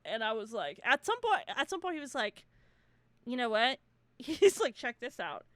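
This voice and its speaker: Lively, laughing woman podcast host. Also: a little high, normal speed, dry recording. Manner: laughs often, swears freely, animated storytelling. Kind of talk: casual chat.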